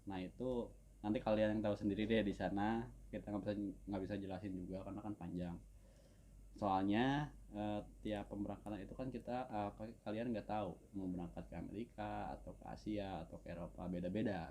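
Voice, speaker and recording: A man co-hosting a casual chat, relaxed and rambling, with frequent fillers and hums. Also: fairly low pitch, fairly quick, slight background noise. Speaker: co-host.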